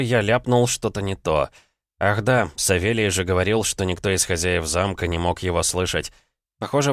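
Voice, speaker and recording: A man narrating a first-person audiobook in a wry, conversational, even manner. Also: low voice, no room sound, studio quality.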